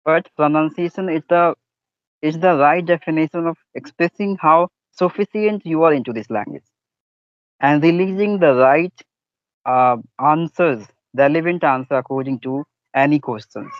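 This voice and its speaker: A man, speaking haltingly and searching for words in a casual English practice discussion. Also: a little high, no room sound. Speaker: English conversation partner. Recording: dull, lo-fi, dry sound.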